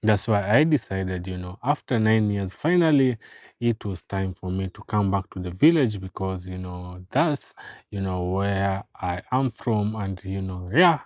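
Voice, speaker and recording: A Kenyan man in his twenties talking to the camera in a casual vlog, recorded on a phone, earnest and filling every pause with "you know". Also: low voice, darkish tone, no room sound. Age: 20s. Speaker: vlogger.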